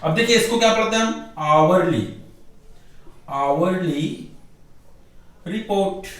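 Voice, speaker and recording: A middle-aged man teaching English grammar in a lecture style, who keeps asking rhetorical questions, answers them himself, and drags out key words slowly for emphasis. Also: high voice, a bit bright. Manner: often calls the viewer "bhai". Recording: very echoey room, voice far from mic.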